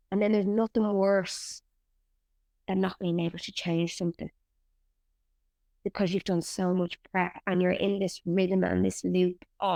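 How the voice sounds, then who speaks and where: A woman's voice: fairly low pitch, creaky, a little mellow, dry recording, clean studio sound. A woman, an actor and writer, chatting candidly in an interview and swearing freely. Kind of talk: casual interview chat.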